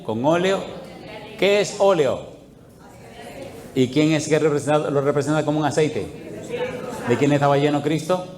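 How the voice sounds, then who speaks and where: A middle-aged male pastor preaches in a fairly high voice, his sermon ringing around an echoey church hall. He keeps asking the congregation questions and waits for their answers, and he tells his stories with plenty of animation. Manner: call-and-response questions to the congregation, animated storytelling.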